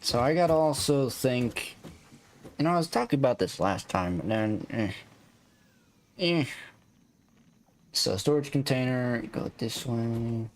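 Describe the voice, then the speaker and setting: An animated yet soothing mid-range voice belongs to a streamer playing a factory-building game. He speaks a little slowly and pauses often, chatting casually and thinking aloud in a laid-back, rambling way, with background noise clearly heard.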